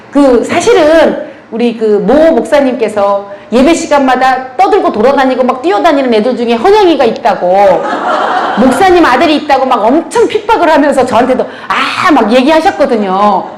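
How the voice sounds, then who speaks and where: A woman's voice: fairly high pitch, a little hiss or hum. A middle-aged woman giving a church training talk, telling stories with lots of laughter. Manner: animated storytelling with frequent laughter. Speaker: church ministry lecturer. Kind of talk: lively anecdotal talk to a church audience. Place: church lecture hall. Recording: roomy hall with faint ambience.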